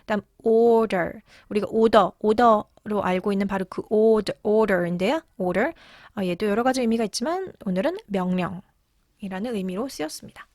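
A woman with a Korean accent teaching an online English lesson, explaining pronunciation and repeating phrases slowly for practice. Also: medium pitch, a little mellow, no room sound, clean studio sound.

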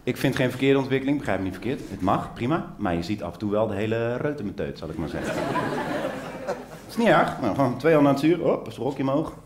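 A man from Brabant performing stand-up comedy on stage, rambling in a deadpan, mock-earnest way. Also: mid-range voice, fast, background noise. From Brabant, Netherlands. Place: theater stage. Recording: roomy theater stage.

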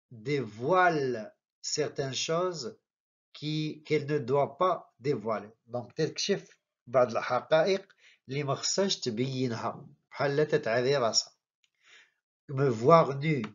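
A man teaching a literature lesson, explaining the text step by step and switching between French and local Arabic dialect. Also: medium pitch. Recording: dull lo-fi recording.

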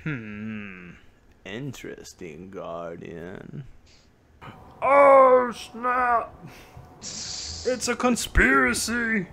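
A man's voice: high-pitched, extremely slow, creaky, long pauses, slight background noise. A man hosting a let's play, joking and laughing as he comments casually on the game. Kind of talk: casual gaming chat. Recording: voice over loud game music.

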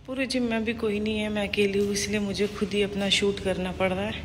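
In an empty hotel gym, a woman in her thirties records a laid-back workout vlog on her phone, talking a little fast in a flat, medium-pitched voice. She walks through the exercises chattily and instructively, mixing in English words. Captured on a phone camera held or propped up, the sound is echoey with background noise.

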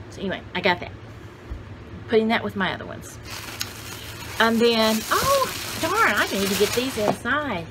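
A woman in her sixties, a vlogger showing off vintage finds, chats casually to the camera from a cluttered indoor room lined with shelves. Her medium-pitched voice rambles in a folksy, exclamatory way as she often talks to herself and her viewers. The low-quality recording carries a little hiss or hum.

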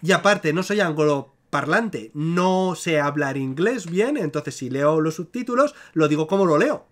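A man from hosts a podcast in easygoing conversation. His voice sits a little high, and he talks in an animated way, often tripping over and restarting his words. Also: measured pace. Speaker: podcast host. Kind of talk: casual chat.

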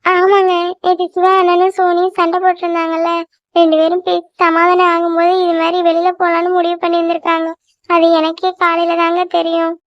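A woman voicing a young cartoon wife who pleads and gets upset easily, with a whiny, squeaky voice. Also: completely flat delivery, brisk, no echo, dull audio. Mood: worried.

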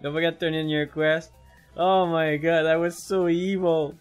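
A man commentating live on his own gameplay as a streamer, excitable and tacking "man" onto nearly every line. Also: fairly high pitch, normal speed, clear, resonant tone, soft background music. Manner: excitable, repeats "man" constantly. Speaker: game streamer.

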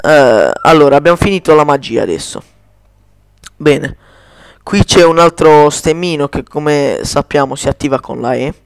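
A man giving casual gameplay commentary in speech, chatty, cursing at lag and slowly chanting spell words. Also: on the high side, expressive, gravelly, dry recording.

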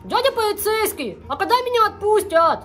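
A man voicing a cheeky, naive six-year-old boy with a childish lisp in a comedy sketch, his voice pitched up. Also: very animated, fairly quick, a bit bright, soft background music, heavily acted. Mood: naive, chatty.

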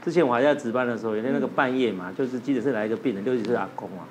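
A man with a Taiwanese Mandarin accent, a doctor guest on a TV talk show, telling a hospital story in an animated way and acting out the dialogue. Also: medium pitch, rapid-fire, slight background noise. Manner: animated, acts out the dialogue, bursts into laughter.

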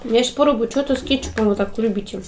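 A woman's voice: on the high side, fast, a little mellow. A woman in her thirties chatting casually at the table during a family mukbang meal. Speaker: mother in a family mukbang vlog. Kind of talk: casual mealtime chat, mukbang. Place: small indoor room at a dining table. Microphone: camera across the table. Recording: clinking cutlery and dishes, faint noise.

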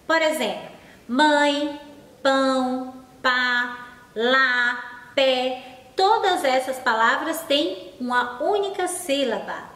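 Slow high-voiced woman teacher, echoey. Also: fairly bright tone. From Brazil. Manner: slow, drawn-out, encouraging teacher delivery. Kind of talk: recorded lesson for schoolchildren. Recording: echoey room, voice from a distance.

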